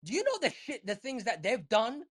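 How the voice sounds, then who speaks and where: A woman's voice: fairly high pitch, wildly swooping pitch, moderate pace, husky. A woman in casual podcast chat, emphatic and profane, repeating her points to drive them home.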